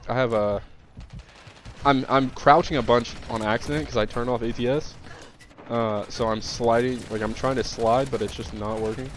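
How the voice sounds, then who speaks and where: A young gaming streamer, congested and nasal from being sick, chats casually while playing a shooter, rambling with lots of fillers and restarts. His mid-range voice stays fairly even at a moderate pace, and a little hiss or hum sits under it.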